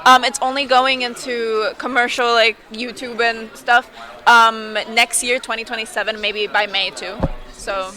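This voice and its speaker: Bright young woman. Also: fairly high pitch, level tone, unhurried. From Puerto Rico. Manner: earnest, informative. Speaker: animation student. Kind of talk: casual interview chat.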